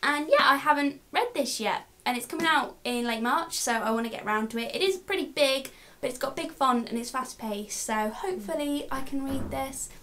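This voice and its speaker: A woman's voice: high voice, moderate pace, hardly any pauses, sharp tone, a little hiss or hum. A young woman in casual chat as a book vlogger, giggly and saying "like" a lot. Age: young adult. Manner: chatty, giggly, says "like" a lot.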